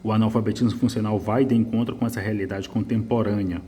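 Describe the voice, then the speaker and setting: A man with a Brazilian accent teaching an essay-correction lesson, emphatic and lively, repeating his points as he marks the page. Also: lowish voice, quick pace, a little hiss or hum. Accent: Brazilian Portuguese. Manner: lively, emphatic, repeats phrases while writing. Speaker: writing teacher.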